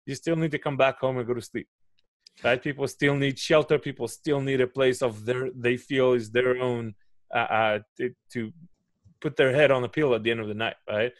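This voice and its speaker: A man in his forties from Israel, with an Israeli accent, speaks in a mid-range, steady voice at normal speed with no echo. Appearing as a guest on a video call from his home office through a headset with a studio mic, he gives interview answers in an explanatory way, making a point and then checking in with "right?".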